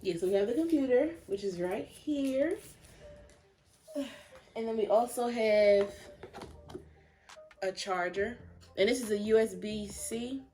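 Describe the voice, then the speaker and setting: A young woman chatting excitedly and a bit breathlessly while unboxing a new laptop for her vlog. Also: a little high, slow, long pauses, soft background music. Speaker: vlogger.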